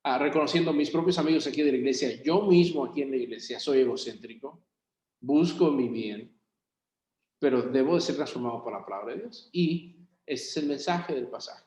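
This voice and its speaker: A man's voice: mid-range voice, a little fast, a little mellow. A man, a pastor leading a Bible study in a church room, talking conversationally and putting questions to his group. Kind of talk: interactive Bible study teaching. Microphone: room recording for a video call. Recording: roomy echo.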